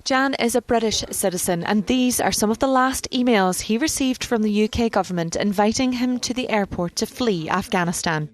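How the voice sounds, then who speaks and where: A woman's voice: mid-range voice, moderate pace, few pauses. A woman narrating a scripted television news report as a reporter.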